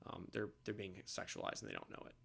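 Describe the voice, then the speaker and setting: A young man talking casually as a podcast guest, opinionated, often trailing off quietly at the end of a point. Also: deep voice, huge pitch swings, fast, gravelly, slightly rough.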